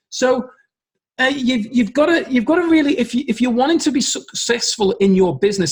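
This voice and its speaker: A middle-aged man delivers a motivational business talk straight to camera, earnest and insistent. His voice sits high for a man. He circles back, repeats key phrases and restarts sentences as he pushes his point. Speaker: business coach.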